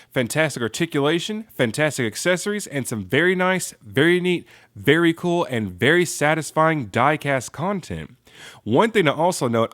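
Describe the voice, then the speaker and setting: A man's voice: on the high side, a bit bright, dry recording, clean studio sound. A man giving a casual toy review, enthusiastic, repeating praise words and dropping frequent ums.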